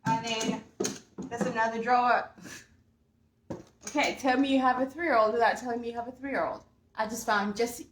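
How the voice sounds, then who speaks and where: A woman's voice: on the high side, steady tone, moderate pace, long pauses, slight background noise. Chatty woman from Uganda in an echoey room. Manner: chatty and upbeat, talking to viewers. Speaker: furniture painting vlogger. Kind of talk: casual chat while working. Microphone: camera mic.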